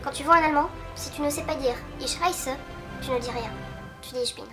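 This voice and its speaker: Her voice sitting high and fast over music, a young vlogger from France's side of the German border jokes her way through a comic monologue, playfully addressing viewers.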